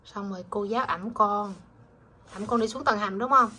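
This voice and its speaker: Bright-voiced woman coaxing her child. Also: medium pitch, moderate pace, a little hiss or hum. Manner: gentle, coaxing questions to a child. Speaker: parent talking with her child. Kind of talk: casual home video chat.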